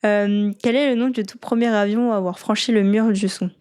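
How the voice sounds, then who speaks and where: A woman hosting a casual interview and running a quiz, self-deprecating and relaxed in manner. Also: medium pitch, brisk, clean tone. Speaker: host.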